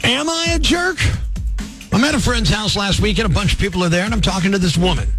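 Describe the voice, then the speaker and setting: A man's voice: high voice, fast, fairly bright tone, soft background music. A man in his fifties hosting a radio call-in segment, joking and laughing often. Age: 50s. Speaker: radio host. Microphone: studio microphone.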